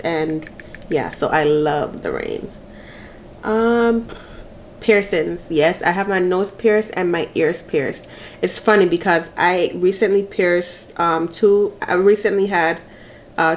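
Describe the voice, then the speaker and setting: Her voice sits on the low side, and there's a faint hiss or hum in the recording. A Jamaican mukbang vlogger in her 30s, she laughs a lot and keeps things playful as she eats and responds to get-to-know-me questions.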